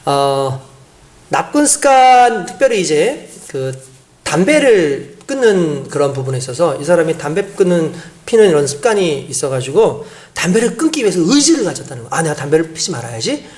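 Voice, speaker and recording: Animated woman preaching a sermon. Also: lowish voice, normal speed. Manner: explanatory, asks the congregation rhetorical questions. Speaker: pastor.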